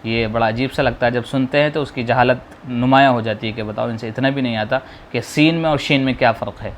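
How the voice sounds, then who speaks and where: A man teaching how to read the Quran, slowly drawing out each letter sound and patiently explaining how to pronounce it. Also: mid-range voice, fairly even intonation, slight background noise. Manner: slow, drawn-out modeling of sounds, explaining patiently. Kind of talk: spoken lesson on letter pronunciation.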